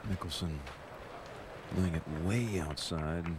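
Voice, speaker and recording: A man anchoring live golf commentary on television, with measured, storytelling phrasing. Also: deep voice. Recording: VHS broadcast with crowd and noise.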